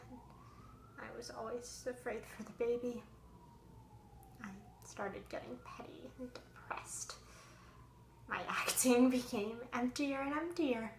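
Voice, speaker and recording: A young woman acting a stage monologue as a fragile, haunted young actress worn down by heartbreak, her voice swinging between hushed whispers and raised outbursts. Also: fairly high pitch, a little hiss or hum. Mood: anguished. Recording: echoey room.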